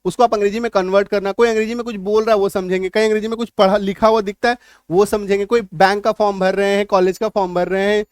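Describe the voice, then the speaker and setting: A man walks his students through spelling rules in a high-pitched voice. He repeats each point and keeps checking that the class follows. The recording is dry and close, with no room sound. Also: flat delivery, fast talker, smooth, no room sound. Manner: repetitive, checks understanding with questions. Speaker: English teacher. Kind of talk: spoken-English lesson.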